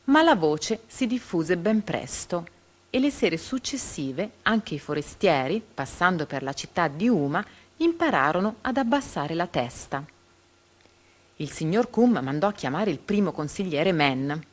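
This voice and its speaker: A woman reads a fable aloud in a measured, expressive way, her voice sitting slightly low for a woman. The pacing is steady and storybook-like. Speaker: narrator. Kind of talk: storybook reading.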